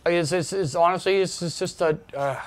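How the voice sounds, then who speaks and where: A man co-hosting a casual gaming news podcast, his voice sitting a little high. He gets excitable, swears freely and breaks into loud rants. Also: moderate pace. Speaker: podcast co-host. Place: home.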